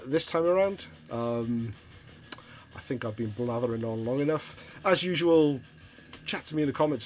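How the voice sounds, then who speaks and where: A middle-aged man from Wales, chatting casually and hesitantly through a show-and-tell of his record collection. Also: medium pitch. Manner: rambling, hesitant, many ums and restarts. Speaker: vinyl collector vlogger.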